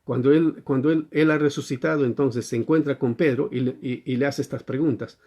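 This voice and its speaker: A man's voice: medium pitch, fairly even intonation, brisk, a little mellow. A male pastor with a Chilean accent preaching a church sermon, teaching and often asking his listeners questions. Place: church service during quarantine.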